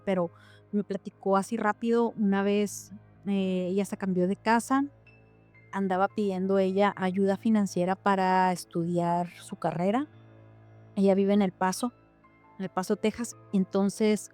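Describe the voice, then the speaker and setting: A woman's voice: mid-range voice, no echo. A middle-aged woman, telling a story in casual chat on a podcast, with lots of restarts and quoted dialogue. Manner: animated retelling with many restarts and quoted dialogue. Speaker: podcast guest.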